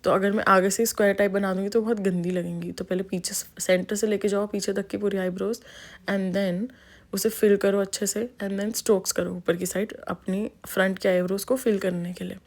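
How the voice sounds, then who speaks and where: Casting: Indian woman, makeup artist, casual tutorial voice-over, mid-pitched, chatty with filler ums. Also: level tone, normal speed. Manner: chatty Hindi-English mix, frequent ums and restarts.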